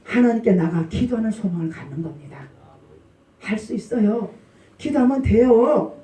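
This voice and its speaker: A middle-aged woman pastor preaching a sermon, questioning the congregation in a lively call-and-response manner. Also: medium pitch, normal speed. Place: church sanctuary. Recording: roomy church hall, distant mic.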